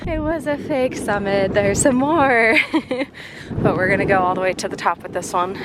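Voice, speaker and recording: A woman's voice: medium pitch, normal speed. A young woman vlogging her trip in an upbeat, chatty way, laughing often as she hikes outdoors. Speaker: travel vlogger. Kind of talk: casual travel vlog narration. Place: outdoors on a windy mountain trail. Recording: noisy outdoor phone recording.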